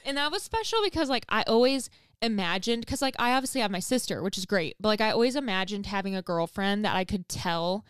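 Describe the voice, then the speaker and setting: A young woman chats with a close friend, filling her talk with "like" and the odd swear word. Her voice is clear and smooth. The sound is dry and close, with no room around it. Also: medium pitch, animated, fast, no room sound. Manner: chatty, says "like" often, swears freely. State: expecting a baby. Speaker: podcast co-host. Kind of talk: casual chat between friends.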